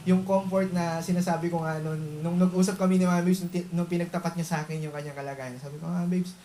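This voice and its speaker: A woman's voice: lowish voice, steady tone, fast talker, warm tone, slight background noise, poor audio. A woman preaching a sermon in mixed Tagalog and English. She speaks emphatically and keeps asking the congregation to agree. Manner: emphatic, often asks the audience to confirm. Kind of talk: Taglish sermon.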